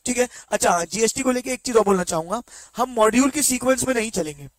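A male teacher giving an online exam-prep lecture, mixing Hindi with slow English read-outs and quizzing students with quick check questions. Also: extremely high pitch, dry recording.

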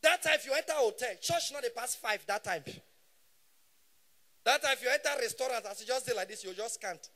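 Man, Nigerian Pidgin accent, stand-up comic, very high voice, bright edge, animated, shouts punchlines. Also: fairly quick. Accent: Nigerian Pidgin English. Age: 30s. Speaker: stand-up comedian.

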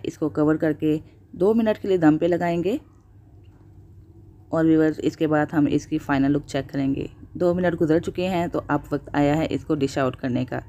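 A woman with a low, dark, mellow voice talks viewers through a recipe in a voice-over. Her delivery is steady and instructional, peppered with blessings. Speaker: cooking channel host. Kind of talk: voice-over cooking tutorial.

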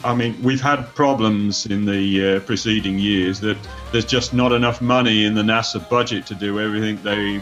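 A British author from the United Kingdom talks casually as a podcast panelist, hesitating often with lots of "uh" fillers. His voice is lowish and a bit bright.

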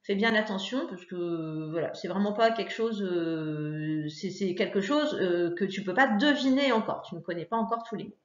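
A woman's voice: mid-range voice, normal speed, hardly any pauses. A woman teacher talking young pupils through a phonics worksheet in a patient, encouraging way, with frequent fillers. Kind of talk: recorded lesson for young pupils. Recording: echoey room, dull lo-fi sound.

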